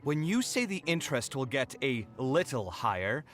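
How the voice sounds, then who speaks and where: Game character: principled young architect, earnest, expressive. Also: male voice, medium pitch, normal speed, soft background music. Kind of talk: game voice acting.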